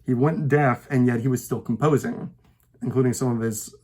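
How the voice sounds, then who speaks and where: A man's voice: mid-range voice, fairly even intonation, normal speed, a little mellow. Rambling, hesitant man talking films. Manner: rambling, hesitant, full of fillers and restarts. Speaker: host. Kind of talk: casual talk about favorite films. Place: home.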